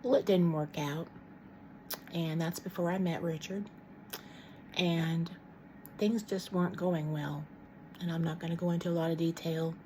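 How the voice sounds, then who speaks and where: Rambling middle-aged woman with a mellow low voice. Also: fairly even intonation, moderate pace, long pauses, slight background noise. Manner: rambling and frank, many ums and restarts. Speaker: vlogger. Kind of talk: casual chat to camera.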